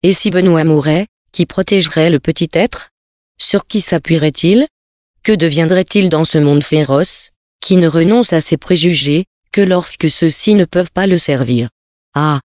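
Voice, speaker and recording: Measured male audiobook narrator, dry sound. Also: on the high side, darkish tone, no room sound. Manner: measured literary reading, voicing characters with small shifts.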